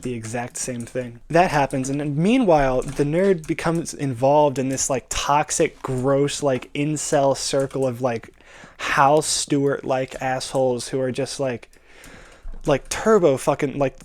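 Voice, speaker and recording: A man's voice: mid-range voice, moderate pace, darkish tone. Rambling young man, slangy and sweary. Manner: slangy, sweary, meandering, acting out bits of dialogue. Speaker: storyteller pitching a movie idea. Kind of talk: rambling casual chat.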